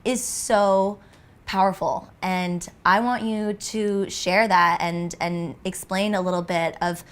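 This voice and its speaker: Female interview host, affectionate tone, unhurried drawn-out delivery, medium pitch. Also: fairly even intonation, clear, resonant tone. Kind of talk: interview hosting.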